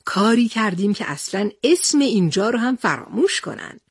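A woman's voice: mid-range voice, expressive, husky, no room sound, studio quality. Woman reading a shaky, gloomy storybook hero. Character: worried adult male hero, easily discouraged.

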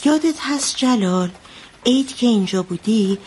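A woman's voice: on the high side, expressive, slightly rough. An actress playing an anxious mother who recounts a bloody wedding in a radio drama, telling it vividly. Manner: vivid storytelling, shouting out the quotes she retells.

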